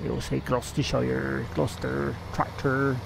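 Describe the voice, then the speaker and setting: Streaming a game over a noisy background, this West Country Englishman keeps up casual live-stream chatter, rambling and laughing often. His mid-range voice is monotone and a little slow, with vocal fry.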